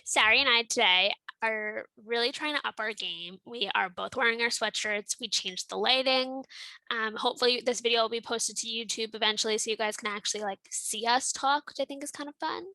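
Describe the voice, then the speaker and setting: Bright young woman, close dry sound. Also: fairly high pitch, fairly quick, no echo, rough recording. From Montreal, Canada. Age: about 20. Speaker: podcast co-host. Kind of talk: casual chat. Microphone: headset.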